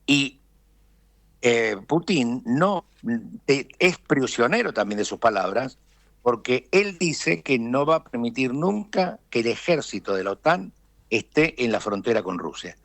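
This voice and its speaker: An Argentine businessman being interviewed, explaining his views deliberately and filling pauses with frequent hesitations. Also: medium pitch, sing-song, a bit bright, dry recording. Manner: deliberate, thinking aloud with frequent "este" fillers. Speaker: businessman guest. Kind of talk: conversational interview analysis.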